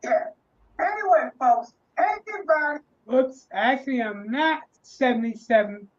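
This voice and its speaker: A man in his sixties closing a live online class as the instructor, halting and full of fillers and restarts. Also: very high-pitched, expressive, highs cut off. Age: 60s.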